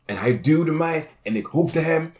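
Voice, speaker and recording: A man's voice: on the high side, expressive, unhurried, darkish tone. A man telling a story in casual chat, laid-back, mixing street slang with English phrases.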